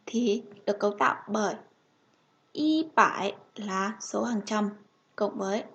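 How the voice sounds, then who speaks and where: A woman with a Vietnamese accent teaching a language lesson, saying each number twice, slowly and clearly. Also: medium pitch, a bit bright, muffled recording. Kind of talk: slow, repetitive counting lesson.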